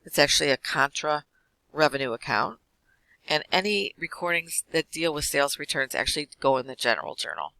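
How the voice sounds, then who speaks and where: A man teaching an accounting class, walking through lecture slides quickly with casual fillers. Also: a little high, sing-song, gravelly, sharp tone, no room sound, low-quality recording. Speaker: accounting instructor.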